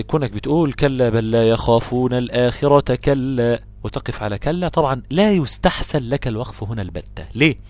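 A male teacher with an Egyptian accent explains a recitation rule step by step, going back over his examples to make sure his students follow. Now and then he slows right down to chant a verse. The recording is dry and close, with no room sound behind him. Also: medium pitch, creaky, a little mellow, no room sound. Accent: Egyptian Arabic. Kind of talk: explanatory lesson.

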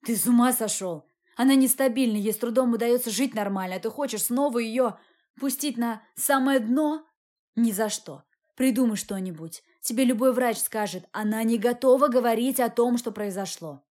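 A woman voicing a protective, hot-tempered young man in a read-aloud story, forceful and heated. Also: on the high side, moderate pace, close to an everyday voice. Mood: angry.

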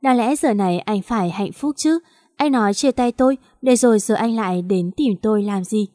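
A woman narrating a first-person story in a soft, even storytelling read. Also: mid-range voice, moderate pace, no echo, studio quality.

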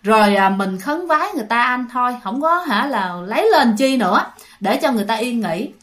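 A gentle, reverent old countryside grandmother, as a woman puts her on. Her voice drops lower and quieter than the narration, soft and hushed. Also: animated, brisk. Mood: solemn.

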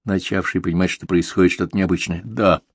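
Low-voiced male audiobook narrator. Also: fairly quick, dry recording, clean studio sound. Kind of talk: scripted narration.

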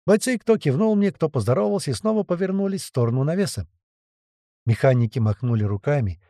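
A man reading an adventure story aloud as a narrator, in a lively storytelling manner. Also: on the high side, fast talker, no echo, clean studio sound. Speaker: audiobook narrator. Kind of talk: scripted narration.

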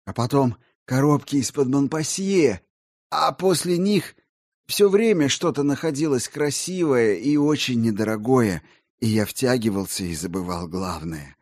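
A man voicing an excitable male collector who pleads feverishly and rises toward shouting. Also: medium pitch, a little slow, dry recording, studio quality, pitched above the performer's own voice. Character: excitable, rambling male collector, wild-eyed.

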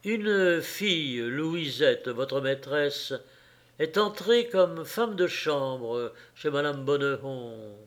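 Cold questioning magistrate, read by a man, deliberate, gravelly, a little higher. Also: lively intonation, heavily acted. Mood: probing, cold. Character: cold, probing examining magistrate, middle-aged man.

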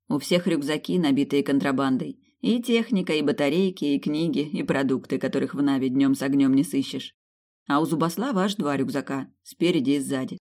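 A woman reading a humorous fantasy audiobook in first person, lively and ironic. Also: a bass voice. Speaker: audiobook narrator.

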